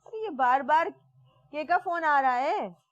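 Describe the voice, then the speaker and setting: Brief: worried scolding mother, high voice. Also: expressive, takes it slowly, dull audio. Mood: fretting. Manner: fretting, scolding. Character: worried mother who scolds her daughter. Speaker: actor.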